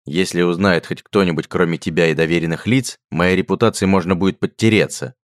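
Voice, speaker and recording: A man voicing a gruff, irritated male hunter who snaps back at his friend. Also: sits low, fairly even intonation, fairly quick, no echo, studio quality, lightly acted. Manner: gruff and snappish.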